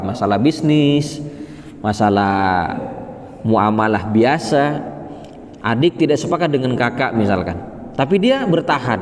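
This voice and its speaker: A man giving an evening mosque sermon, lively, his voice rising for emphasis, with Arabic quotations. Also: medium pitch. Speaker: preacher. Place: mosque hall. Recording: long hall reverb.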